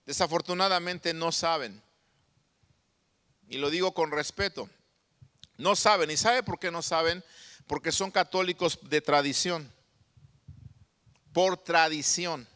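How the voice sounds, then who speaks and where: Emphatic preacher with hall reverb. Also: male voice, high voice, bright, forceful tone. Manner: emphatic preaching with rhetorical questions. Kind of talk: sermon.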